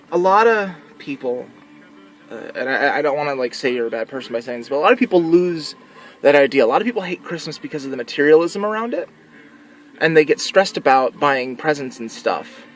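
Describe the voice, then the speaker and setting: A man's voice: fairly high pitch, a bit bright, rough recording. A young man talking to camera in a casual vlog, sincere and emotional, rambling with many restarts. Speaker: vlogger who works as a mall Santa.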